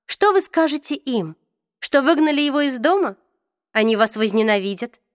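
A woman's voice: high voice, lively intonation, normal speed, no echo, clean studio sound, voice pushed up. A woman reading an audiobook, voicing a defiant teenage girl who talks sharply.

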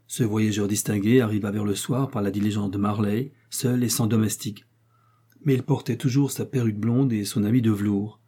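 Husky, dark-voiced male audiobook narrator. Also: on the low side. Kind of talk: scripted narration.

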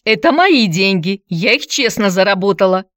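A woman's voice: expressive, normal speed, fairly bright tone, dry recording, studio quality, close to an everyday voice. A woman voicing a quarrelsome, hard-drinking woman who answers in a snappish, sarcastic way. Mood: indignant. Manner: snappish, sarcastic, shrill when riled.

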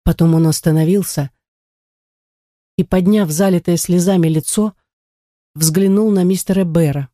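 An audiobook narrator reading steadily and expressively in a warm, dark tone. The voice sits at a middle pitch, recorded on a close studio mic in a dry room. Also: steady tone, moderate pace, pauses often, no room sound.

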